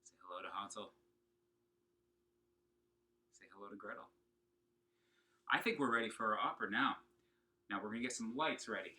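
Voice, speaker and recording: Teaching children singing and opera at home, a man speaks at normal speed in a fairly low, sharp-toned voice, pausing often. He stays upbeat and encouraging, talking directly to the kids and asking questions throughout.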